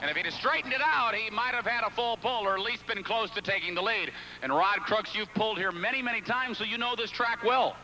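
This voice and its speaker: High-voiced man reporting trackside. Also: brisk, sharp tone. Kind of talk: post-run sports interview and commentary. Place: outdoors at a pulling track. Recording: noisy outdoor motorsport track.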